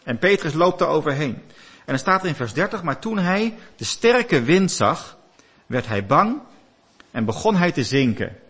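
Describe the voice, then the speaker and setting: A male preacher delivers his sermon with a husky, slightly raised voice. His pitch swings widely as he tells the story, rising and then falling low. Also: normal speed. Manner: animated storytelling, rises and drops in pitch.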